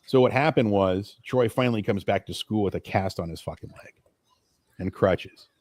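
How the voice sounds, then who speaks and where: A man's voice: fairly low pitch, moderate pace, darkish tone, a little hiss or hum. A young man from Oregon co-hosting a casual late-night podcast, telling stories bluntly and swearing freely. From Portland, Oregon. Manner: storytelling, profane, blunt. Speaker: podcast co-host.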